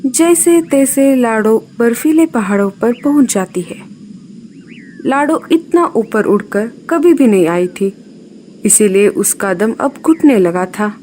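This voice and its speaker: A woman narrating a scripted cartoon story in an expressive storytelling manner. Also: fairly high pitch, slight background noise.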